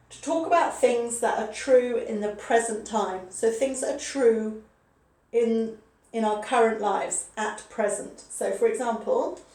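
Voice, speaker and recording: A woman's voice: a little high, warm tone. A woman in her forties teaching a recorded grammar lesson, patient and repeating key points with a frequent "okay". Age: 40s. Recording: echoey room, voice a bit far from the mic.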